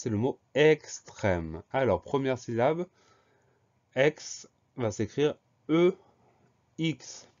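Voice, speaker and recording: A man teaches a spelling dictation lesson, going through each word slowly and spelling it out letter by letter. His voice is lowish and mellow, and he stays calm and patient throughout. The recording is muffled and lo-fi. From France.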